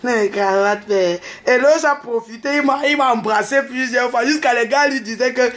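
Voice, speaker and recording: A woman, telling a story in a casual vlog, excitable and full of exclamations, acting out what others said. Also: high voice, fairly quick. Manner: excitable, exclamatory, quotes others in acted voices. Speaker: vlogger.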